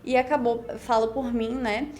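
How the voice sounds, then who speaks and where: Her voice is a little high and a little mellow, with little pitch movement and normal speed, plus a slight hiss or hum. A guest on a casual podcast interview, this beauty pageant winner in her 20s speaks Brazilian Portuguese with a Pernambuco accent, reflecting in long run-on stretches and often tagging on "né?".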